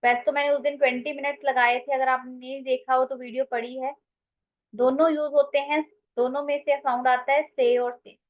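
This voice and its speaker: Indian woman teaching grammar online, kinda high voice, muffled lo-fi sound, keeps calling students beta. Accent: Indian English. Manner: addresses students as beta, mixes Hindi and English. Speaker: English teacher.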